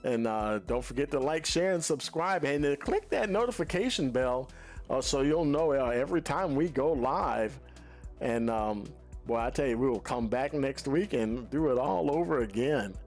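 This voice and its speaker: A man's voice: medium pitch, expressive, darkish tone. A man with a drawl runs a sim racing broadcast, reading results with plenty of "uh" and "I tell you". Faint music plays underneath his voice. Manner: folksy, many "uh" fillers, drawn-out phrasing. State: out of breath. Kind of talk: post-race interviews and results.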